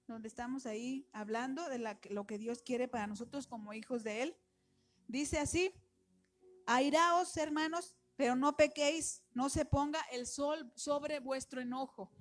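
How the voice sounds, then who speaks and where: High-voiced woman preaching a sermon. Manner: earnest, exhorting, rises in volume when quoting scripture.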